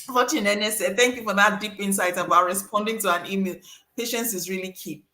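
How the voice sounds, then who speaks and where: A woman hosting a casual advice talk to her audience, emphatic and lively. She repeats points for stress and jumps into high voices to act out little exchanges. Her mid-pitched voice rings in a roomy echo. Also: normal speed. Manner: animated, acts out little scenes with sudden high voices. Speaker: host giving career advice.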